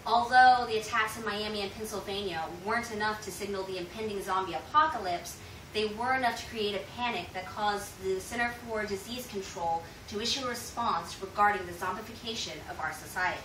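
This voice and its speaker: This American woman talks a little fast in a mid-range voice, giving a formal, rhetorical informative speech she has prepared. She addresses an audience indoors, captured by a distant mic in an echoey room with heavy noise.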